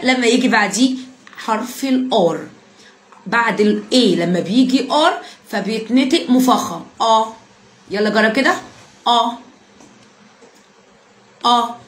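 Egyptian woman, young adult, higher voice, slow drilled phonics teaching, cheerful praise. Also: expressive, husky. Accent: Egyptian Arabic. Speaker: English pronunciation teacher. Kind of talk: phonics lesson for children.

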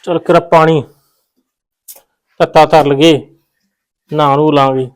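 A man's voice: on the high side, level tone, unhurried, smooth, lightly acted. Man playing a fretful Punjabi villager. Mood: fretting. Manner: worried muttering to himself. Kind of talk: village short film acting.

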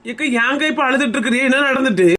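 A woman's voice: high-pitched, quick pace, fairly bright tone, slight background noise. A woman playing a cheerful young companion with a Kanyakumari accent, upbeat and reassuring. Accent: Kanyakumari Tamil.

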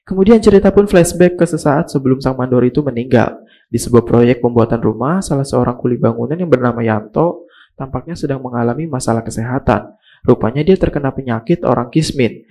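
A man with a dark, mellow voice of medium pitch narrates a scripted recap. He addresses the audience in slangy language and slips in mocking asides as he tells the story.

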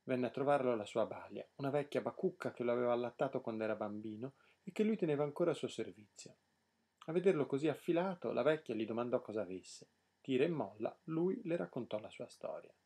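A man reading a fairy tale aloud in an expressive storybook narration. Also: mid-range voice, fast, breathy edge.

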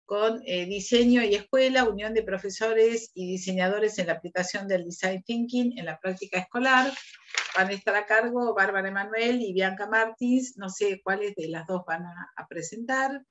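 Older woman moderating, medium pitch. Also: moderate pace, fairly bright tone, lo-fi sound. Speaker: session moderator. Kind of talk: informal moderating. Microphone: video call.

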